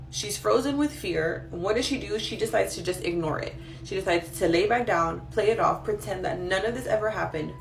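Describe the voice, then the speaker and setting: A woman's voice: on the low side, vocal fry. A woman host telling spooky stories for social media, conversational with dramatic emphasis. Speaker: storyteller host reading follower-sent stories. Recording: roomy echo, distant mic, faint noise.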